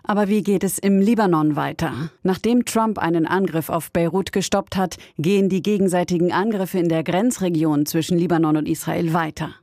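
A woman delivers a scripted news report, her reading steady and formal. Her voice is on the lower side. The recording is close and dry. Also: brisk, few pauses, no room sound.

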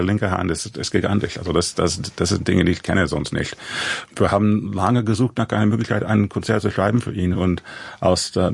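Deep gravelly man. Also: darkish tone, no echo. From USA. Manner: thoughtful, halting, with many restarts and fillers. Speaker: composer. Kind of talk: interview conversation.

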